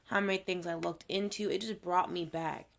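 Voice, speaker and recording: A young Minnesotan woman co-hosting a podcast, with a gravelly, creaky edge to her voice. She talks in a loose, animated way, swears casually and breaks into laughter. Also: lowish voice, moderate pace, a crowd in the background. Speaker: podcast co-host. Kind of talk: casual chat.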